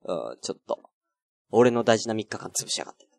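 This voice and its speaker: A man hosting an unedited solo internet radio show, grumbling and venting in a casual way, his voice getting hoarse. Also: on the low side, very animated, a little fast, a little mellow, no room sound, studio quality. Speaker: host.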